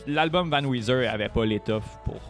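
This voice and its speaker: A man's voice: mid-range voice, moderate pace. A man with a Quebec French accent, co-hosting a casual music podcast, hesitant with many fillers and restarts. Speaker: podcast co-host.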